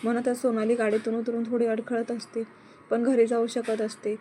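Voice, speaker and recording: Woman, story narrator, mellow dark tone, even measured delivery, scripted reading. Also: a little high, a little hiss or hum.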